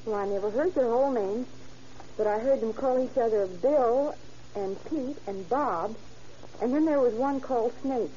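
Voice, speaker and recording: Old radio serial: woman playing young female witness, deferential, soft-toned and highish, dull recording with faint noise. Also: moderate pace, lightly acted. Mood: earnest. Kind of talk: old-time radio drama acting.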